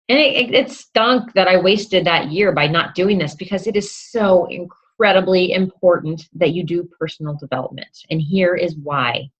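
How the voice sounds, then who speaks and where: A woman speaks in a lowish voice as she coaches newcomers, upbeat and encouraging, often pausing to check in with an "okay?". The recording sounds dull and lo-fi. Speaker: fitness coach. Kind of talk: instructional talk to new coaches.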